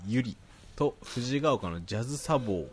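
A man with a Nagoya accent, a podcast co-host reading listener mail aloud in a calm, even voice and chatting casually. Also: mid-range voice, moderate pace, breathy edge. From Nagoya, Japan.

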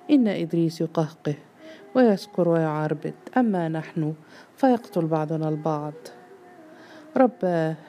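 A woman voicing a harsh, grief-stricken middle-aged father who pleads and shouts in a storybook reading. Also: deep voice. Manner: stern, pleading, bursting into shouts.

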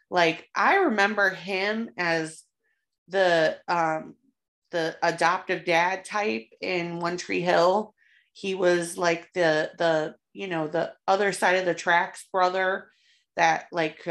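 A woman's voice: fairly low pitch, gravelly, a bit bright. A young woman co-hosting a casual horror podcast, chatty and profane, with lots of fillers. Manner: chatty, swears freely, many fillers. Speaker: podcast co-host.

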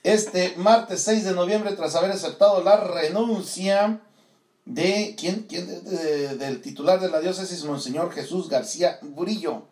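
A morning show host from Tierra Caliente, Michoacán, Mexico, rambles through casual chat full of fillers and laughter in an echoey room. His voice is high, a little mellow, and a bit slow.

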